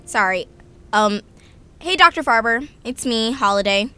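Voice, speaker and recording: A woman's voice: on the high side, expressive, measured pace, bright, forceful tone. An actress playing a twelve-year-old girl in an audio drama, chatty, self-conscious and wry, a little hesitant. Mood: wry, confiding. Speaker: lead character and narrator. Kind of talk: audio drama acting, confiding recorded diary. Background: music.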